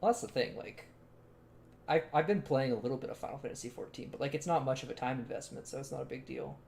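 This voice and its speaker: A young man co-hosting a podcast, chatting in a halting, easygoing way. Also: mid-range voice, creaky, darkish tone, slight background noise. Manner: easygoing, halting, laughs often. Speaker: podcast co-host. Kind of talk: casual chat.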